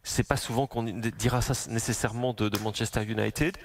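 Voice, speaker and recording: A man with a hoarse voice giving football analysis on a radio sports talk show, often hesitating and restarting his sentences. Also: medium pitch, steady tone, normal speed, slight background noise. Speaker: football pundit.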